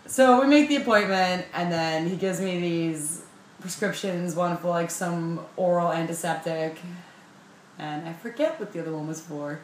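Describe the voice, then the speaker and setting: A young woman telling a personal story in a casual, animated, profane and self-mocking way. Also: lowish voice, normal speed, slight background noise. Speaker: vlogger. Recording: roomy with faint ambience.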